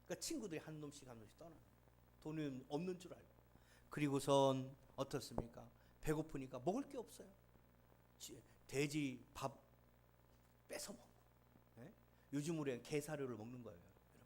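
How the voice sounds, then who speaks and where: A man pastor preaching a sermon in animated storytelling, swinging from loud exhortation to hushed asides. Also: medium pitch, normal speed, long pauses.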